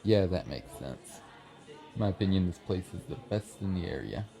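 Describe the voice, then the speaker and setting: In an ASMR roleplay, a man plays a shy, friendly young writer, chatting bashfully and earnestly with slight hesitance in soft conversational acting. His low voice is expressive and mellow, with vocal fry, at a normal speed. A busy café crowd murmurs in the background.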